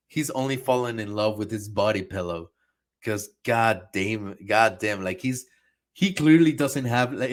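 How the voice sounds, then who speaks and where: Young male reaction host, heated profane rant, exasperated delivery. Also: mid-range voice.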